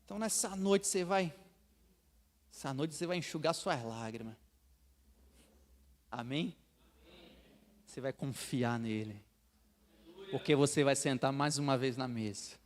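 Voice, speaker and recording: A Brazilian pastor from Bahia preaching a sermon, swinging from hushed asides to loud proclamations and acting out believers for laughs. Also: male voice, medium pitch, a little slow, pauses often. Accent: Brazilian Portuguese, Bahia. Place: church sanctuary. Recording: long hall reverb.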